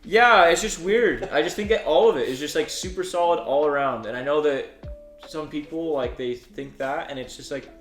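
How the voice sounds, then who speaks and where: A man's voice: a little high, normal speed, fairly bright tone. A young man chatting casually with friends while ranking shows, full of fillers and restarts. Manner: rambling, many restarts and fillers. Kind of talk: casual group chat. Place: living room couch with friends. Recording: roomy sound with music underneath.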